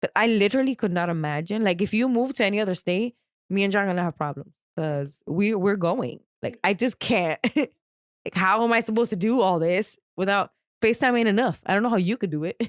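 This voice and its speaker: A woman co-hosting a podcast speaks at medium pitch and a little fast, in a dry recording, her voice nasal from crying. She talks candidly and ramblingly about a close friendship in a casual, heartfelt chat, swearing casually along the way.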